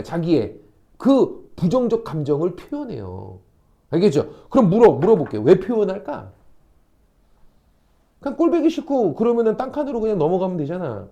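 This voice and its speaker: A male academy teacher lecturing high school students, animated and constantly checking in with questions. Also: creaky. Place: classroom.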